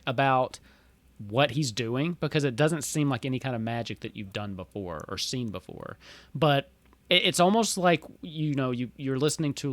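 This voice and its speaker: A man narrating a tabletop game casually as game master, in a halting conversational way. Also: mid-range voice, a bit bright, no room sound.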